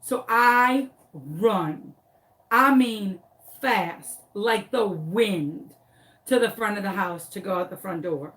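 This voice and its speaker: A woman's voice: mid-range voice, slow, fairly bright tone. A woman, a craft vlogger dramatically retelling a story with emphatic repeats. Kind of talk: animated storytelling.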